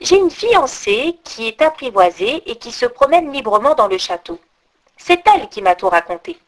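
A chatty, know-it-all crow from a storybook, as a woman reads her, in a high voice that leaps up and down. She explains at length, confiding and a little self-important. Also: sing-song, normal speed. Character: talkative old crow, female, know-it-all. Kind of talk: storybook reading.

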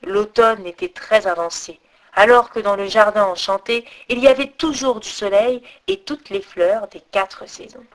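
A woman reading a fairy tale aloud as storyteller, expressive and lilting. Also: mid-range voice, unhurried, low-quality recording.

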